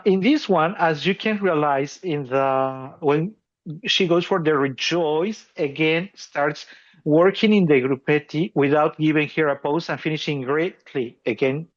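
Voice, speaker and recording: On a lo-fi recording, a podcast host with a higher-pitched male voice talks through the technique of opera singing. He keeps chuckling and starting his phrases over.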